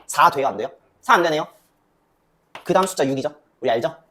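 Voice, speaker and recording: A woman's voice: low-pitched, fast. A young adult woman teaching a math lesson, asking questions and answering them herself. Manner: lively, asks and answers her own questions. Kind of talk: classroom lecture.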